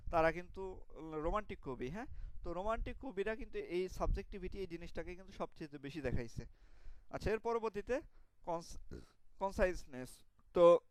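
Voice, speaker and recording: High-voiced male literature lecturer. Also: darkish tone, clear, resonant tone, dry recording, low-quality recording. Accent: Bangladeshi Bengali. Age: young adult. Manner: explanatory, with frequent fillers and self-corrections.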